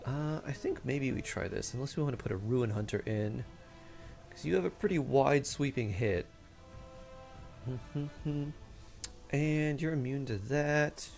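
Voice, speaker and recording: A man's voice: mid-range voice, animated, unhurried, creaky, pauses often, darkish tone, soft background music. A man streaming a game casually, thinking aloud and chatting to viewers, with playful sing-song sound effects.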